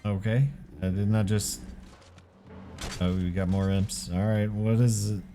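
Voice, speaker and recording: Laid-back man, low voice, dark and mellow tone, casual gaming commentary, faint music behind. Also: little pitch movement, a little slow. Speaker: gaming channel host. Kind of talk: casual let's-play commentary. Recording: commentary over game audio with faint music.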